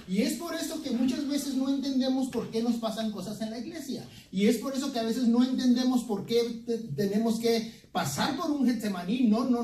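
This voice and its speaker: A male pastor preaching an animated sermon, stammering through restarts and asking the congregation questions. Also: extremely high pitch. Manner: asks the congregation questions and has them repeat phrases. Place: church hall. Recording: roomy echo, speaker far from the mic, faint background noise.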